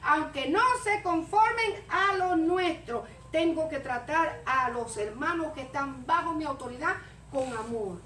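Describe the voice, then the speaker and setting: A woman delivers a sermon in a very high, bright-edged voice, acting out stammers and little scenes. She sounds distant from the mic, with church echo and a faint hiss behind her. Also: a little slow. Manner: animated, acts out stammering and scenes. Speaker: preacher. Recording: echoey church room, mic far off, faint noise.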